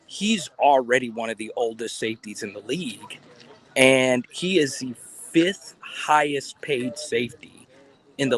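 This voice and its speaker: Bright-voiced man chatting on a phone livestream. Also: medium pitch, low-quality recording. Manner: rambling, chatty, jokey asides to viewers. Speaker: sports fan channel host. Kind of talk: casual livestream chat. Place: outdoors in a city, near a palace.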